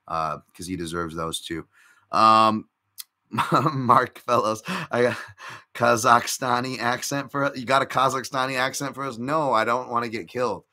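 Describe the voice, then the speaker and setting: His voice sits on the low side and sounds pushed and bright. He hosts a laid-back live-stream podcast, working through betting picks with plenty of fillers and restarts while chatting and responding to viewer comments.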